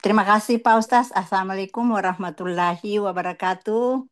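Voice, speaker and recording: A woman's voice: medium pitch, fairly even intonation, fairly quick, a little hiss or hum. A woman from Makassar calling into an online religious study session, asking questions politely and deferentially. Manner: polite, deferential, repeats her thanks. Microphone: online call.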